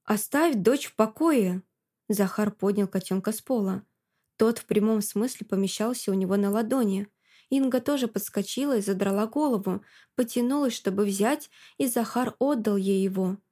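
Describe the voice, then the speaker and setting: A woman narrating a novel in first person, with a measured, sardonic delivery. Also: medium pitch, warm tone. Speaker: audiobook narrator.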